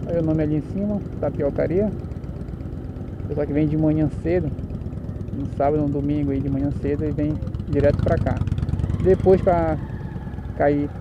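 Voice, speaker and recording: Speaking Paraense Brazilian Portuguese, a man from Pará, Brazil, vlogs and chats casually from his motorcycle, joking and correcting himself as he rides through the streets. His voice is a little higher than most men's, with a steady tone, normal speed and long pauses. The audio is muffled and the engine and traffic are loud in the background.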